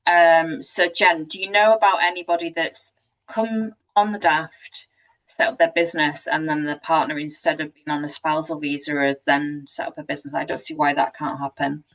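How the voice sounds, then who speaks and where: British woman, call host, lowish pitch, off-mic and laughing through stories. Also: little pitch movement, normal speed, a bit bright, distant mic, rough recording. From United Kingdom. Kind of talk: casual group video call.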